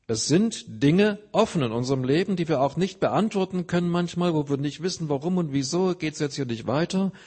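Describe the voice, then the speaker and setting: A man's voice: fairly high pitch, darkish tone, husky. A man preaching a sermon, earnestly explaining scripture with everyday examples.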